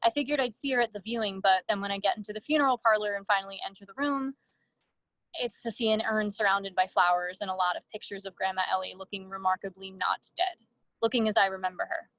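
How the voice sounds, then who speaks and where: A woman reads her own first-person story at a literary event, at an even middle pitch. Her delivery is measured and she drops in brief casual asides. The sound is dry and close. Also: dry recording. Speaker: author reading her own fiction. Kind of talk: literary reading.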